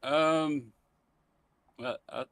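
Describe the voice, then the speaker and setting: A man running a tabletop game as game master, calling turns in an easygoing, brisk way. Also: on the high side, fairly even intonation, a bit bright, dry recording.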